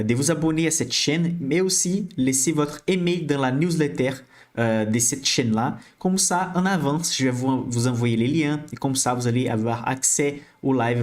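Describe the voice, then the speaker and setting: A man with a Brazilian accent hosts a live-streamed investing class, chatty and checking in with viewers as he explains. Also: medium pitch. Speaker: financial educator hosting a live stream.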